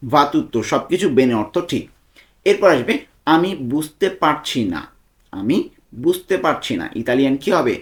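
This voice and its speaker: A young man teaching a language lesson, repeating each phrase and breaking it down word by word. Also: mid-range voice. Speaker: language tutor.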